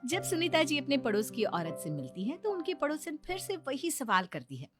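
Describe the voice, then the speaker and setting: A woman's voice: high voice, very animated, moderate pace, music in the background. A woman narrating a scripted moral story as its storyteller.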